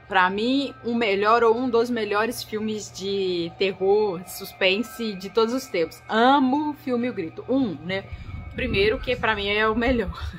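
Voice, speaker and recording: A woman casually talking her viewers through a horror film, chatty and direct, often checking in with them. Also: a little high. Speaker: YouTuber reviewing a horror film. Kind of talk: casual film commentary vlog.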